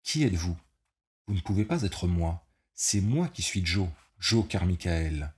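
A man's voice: low-pitched, big pitch swings, measured pace, darkish tone, breathy edge, exaggerated voice. A man voicing a terrified man fighting for control of his own mind, pleading in panic. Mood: panicked.

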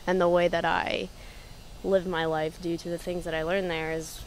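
Flat-voiced hesitant woman, outdoors. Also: fairly low pitch, moderate pace, a little hiss or hum, poor audio. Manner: hesitant, defensive. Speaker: interviewee.

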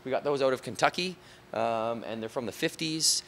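A man's voice: mid-range voice, normal speed, fairly bright tone, a little hiss or hum. A man in his thirties, a bar owner, talking casually in an on-site interview, with many fillers like "you know" and "um". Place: outdoors on a street, then inside a large bar and bowling hall. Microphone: handheld reporter mic.

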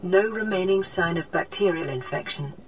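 A woman voicing a calm, gentle female care-robot computer in a video game, giving soft, even status reports through a synthetic filter. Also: lowish voice, moderate pace, noisy background. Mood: soothing. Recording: distant game audio under music. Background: game music.

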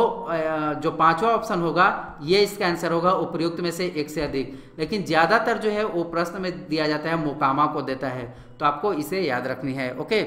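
Male exam-prep teacher, hoarse throat, sharp bright tone, repetitive explainer. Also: on the high side, reverberant. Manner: repetitive, filler-heavy explaining, frequent "okay". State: sore throat, slightly hoarse. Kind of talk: quiz-answer exam-prep lecture.

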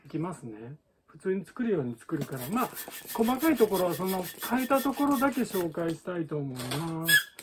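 A man's voice: high voice, big pitch swings, normal speed, background noise. A man teaching balloon art in a chatty, casual way and laughing often. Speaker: balloon artist. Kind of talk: casual tutorial chat.

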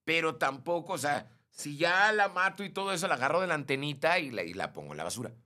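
A man's voice: fairly high pitch, quick pace. A young Mexican man hosting a casual live stream, reading and greeting viewers by name. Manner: animated, greets viewers by name, mimics shrieks.

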